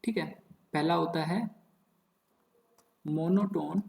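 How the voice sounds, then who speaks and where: High-voiced young man teaching maths. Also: slow, creaky, darkish tone. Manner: repetitive, playful, muttering asides. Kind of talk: casual Hindi-English lecture. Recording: echoey room.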